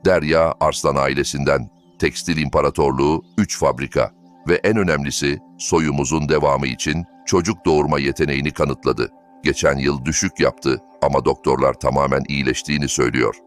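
A man voicing a stern, wealthy older father-in-law who speaks slowly and formally. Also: a bass voice, fairly even intonation. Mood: boastful. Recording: faint background music.

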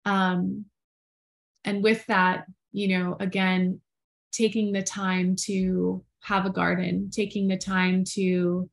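Earnest woman on a live stream. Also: medium pitch. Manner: earnest, heartfelt, many fillers, reads viewer comments aloud. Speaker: podcast co-host. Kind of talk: live-streamed casual talk.

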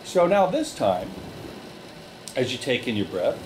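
A man leading a relaxation group through guided breathing, giving slow, calm step-by-step directions. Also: medium pitch, noisy background.

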